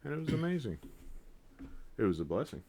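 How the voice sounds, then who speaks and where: A man's voice: medium pitch, big pitch swings, fairly quick, dark tone. A man co-hosting a casual chat podcast, rambling with fillers and joking as he talks. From Japan. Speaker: podcast co-host.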